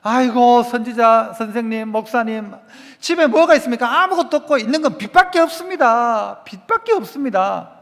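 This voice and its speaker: A man's voice: very high-pitched, lively intonation, normal speed, hardly any pauses, a bit bright, long reverb tail, voice pushed up, exaggerated voice. A man voicing a desperate poor widow in debt, pleading and exclaiming in a sermon.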